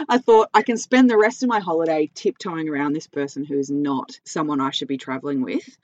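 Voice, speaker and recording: A woman's voice: deep voice, normal speed, highs cut off. A woman chatting casually and candidly, telling travel anecdotes in an informal way with lots of "like".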